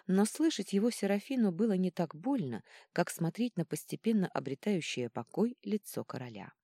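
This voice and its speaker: Woman reading an audiobook, low mellow voice, lively pitch, dry close sound. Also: normal speed, dry recording. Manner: expressive storytelling. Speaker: audiobook narrator. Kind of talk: audiobook narration.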